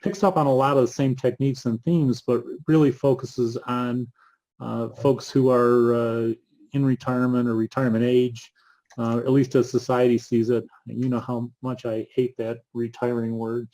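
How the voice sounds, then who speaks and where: A man co-hosting a casual book show, halting and full of ums, with dry asides. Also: medium pitch, little pitch movement, mellow, poor audio. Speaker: co-host. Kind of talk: casual chat about books.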